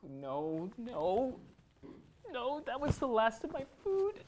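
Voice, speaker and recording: A woman playing a starving, paranoid soldier holding out alone, theatrical and halting in a dramatic performance. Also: on the low side, animated, a little mellow, slight background noise. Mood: anguished despair. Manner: anguished, halting, commanding, theatrical. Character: starving, paranoid holdout soldier alone on an island, suffering and menacing. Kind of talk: dramatic acting.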